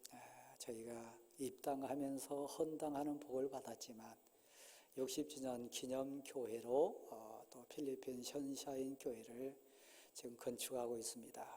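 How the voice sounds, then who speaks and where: Husky, dark-voiced man pastor in reverberant church. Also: mid-range voice. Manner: halting, many drawn-out "ah" pauses. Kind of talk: church announcements and prayer. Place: church sanctuary. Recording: long hall reverb in a church.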